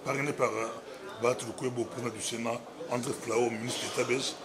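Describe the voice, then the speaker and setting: Enthusiastic pastor interviewing amid a crowd. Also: male voice, medium pitch, fairly even intonation, a little fast. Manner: enthusiastic, repeats his phrases. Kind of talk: interviewing at an event. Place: economic forum venue. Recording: loud crowd behind.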